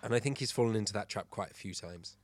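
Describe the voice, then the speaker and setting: A man co-hosting a casual podcast, talking in wry, measured asides. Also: lowish voice, breathy edge, no echo. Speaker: podcast co-host. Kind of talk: casual chat.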